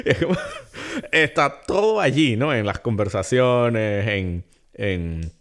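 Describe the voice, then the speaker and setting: A man's voice: mid-range voice, expressive, takes it slowly, a bit bright. A man co-hosting a casual film podcast, retelling scenes expressively with quoted lines. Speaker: podcast co-host.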